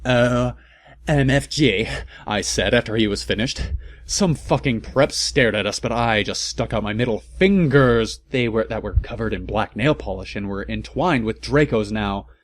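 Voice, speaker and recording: With a voice on the low side and a normal speaking speed, a comic reader delivers a dramatic, comedic narration of fan fiction. He reads it theatrically, breaking in now and then with incredulous interjections.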